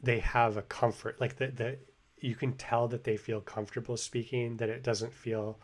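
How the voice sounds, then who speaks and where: An American man rambles casually about learning languages, full of fillers and restarts, in a medium-pitched voice with a level tone and moderate pace. Construction hammering and sawing carry on overhead as he explains.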